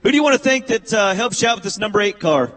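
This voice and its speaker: A man's voice: sits high, lively intonation, fast, fairly bright tone, low-quality recording. A man interviewing a race winner in victory lane, folksy and chatty. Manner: folksy, repeats "I tell you what". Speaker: track-side interviewer.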